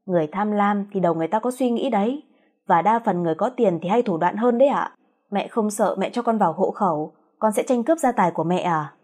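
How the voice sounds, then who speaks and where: A woman voicing a cool, sharp-tongued young wife in a storybook reading, speaking with cutting sarcasm. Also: medium pitch, fast talker, husky, close to an everyday voice.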